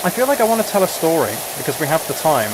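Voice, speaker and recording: A man with a rather high, very animated voice talks fast over a noisy background. He's live streaming a video game, chatting casually and rambling as he thinks aloud.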